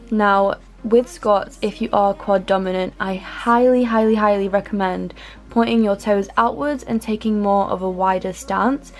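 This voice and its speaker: A young woman talking casually and chattily like a fitness vlogger, rambling a little and repeating words for emphasis. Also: medium pitch. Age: young adult. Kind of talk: casual chatty vlog and workout voiceover.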